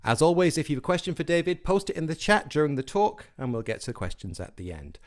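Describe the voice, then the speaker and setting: A man's voice: a little high, sing-song, fast talker. A man hosting an online event, introducing the next speaker over a video call. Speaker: event host.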